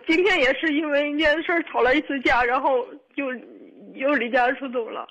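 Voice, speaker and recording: A woman of twenty-two calling a radio show, upset and tearful, speaking in halting, repetitive bursts. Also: high-pitched, a bit bright, dull audio, slight background noise. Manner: halting, repetitive, restarts often. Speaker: caller. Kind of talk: radio call-in.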